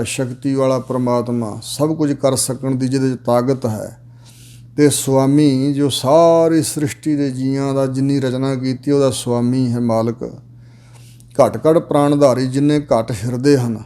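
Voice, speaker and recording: A man expounding scripture, chanting each verse slowly and then explaining it word by word. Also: medium pitch, mellow. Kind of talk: religious exposition.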